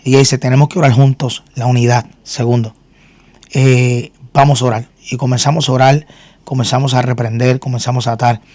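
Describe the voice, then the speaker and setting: A man's voice: medium pitch, level tone, brisk, darkish tone, no room sound. Earnest man giving a faith testimony. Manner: earnest, repeats words and restarts often. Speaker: guest minister and singer.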